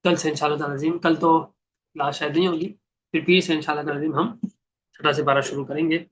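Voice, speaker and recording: A man teaching a Quran translation class, reciting Arabic verses slowly and then explaining them with questions he answers himself. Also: a little high, fairly even intonation, background noise.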